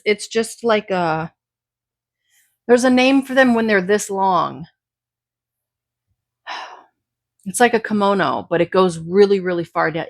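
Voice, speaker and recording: Woman, casual haul vlog, slightly raspy, mid pitch, dry room sound. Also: no room sound. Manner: chatty, rambling, self-correcting. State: slightly raspy from talking all day. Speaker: clothing reseller. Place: at home beside a pile of clothes.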